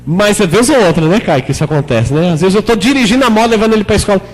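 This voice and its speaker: Male pastor, sermon, high-pitched voice, conversational, questions the congregation, long reverb. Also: expressive, rapid-fire. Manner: acts out prayers in a lower, softer voice. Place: church hall.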